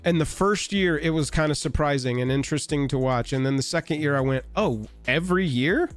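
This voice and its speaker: A man with a hoarse, raspy voice from a recent illness chats casually to his live-stream audience, sitting a little higher in pitch than most men. He talks in a rambling, wry, offhand way, with faint music playing softly behind him. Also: steady tone, fast talker. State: sick, hoarse.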